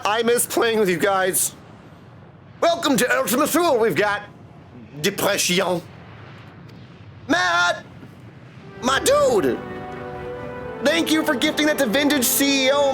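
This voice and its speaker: A game streamer with a very high-pitched, slightly bright voice chats casually in slang with his viewers during a livestream, offering gameplay commentary over game music.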